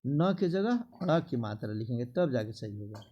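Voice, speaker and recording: A man teaching a classroom spelling lesson, slowly drilling words and repeating them for his students, with a Bihari Hindi accent. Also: mid-range voice, sing-song, lo-fi sound.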